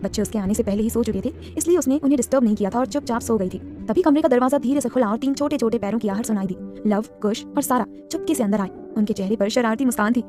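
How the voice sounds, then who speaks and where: A woman narrating an audio story in a brisk, dramatic storytelling manner. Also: on the high side, warm tone, soft background music.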